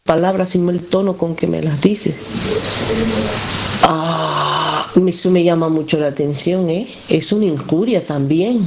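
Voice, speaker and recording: A woman calling into a radio discussion, speaking deliberately and thoughtfully with pauses. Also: deep voice, creaky, a crowd in the background. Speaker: caller.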